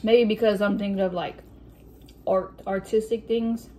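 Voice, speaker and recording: A woman with a medium-pitched voice chats casually while eating soup, in the relaxed talk of a mukbang host. Cutlery and dishes clink in a noticeably noisy recording, and she pauses now and then to clear her throat. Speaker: vlog host reading out questions. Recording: noticeable room noise with dish and cutlery clatter.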